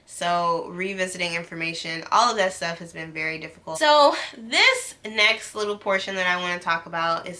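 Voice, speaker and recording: A woman in her late twenties who is a medical student speaks earnestly to the camera in a casual vlog, with ums and restarts along the way. Her voice sits on the low side and has a sharp tone.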